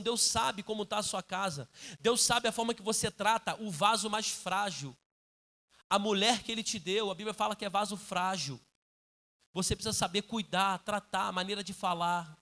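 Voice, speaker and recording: A middle-aged man preaching as a pastor in a church, earnest and turning forceful as he exhorts, often calling the listeners "dear". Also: high voice. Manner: calls listeners "querido". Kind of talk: sermon. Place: church sanctuary.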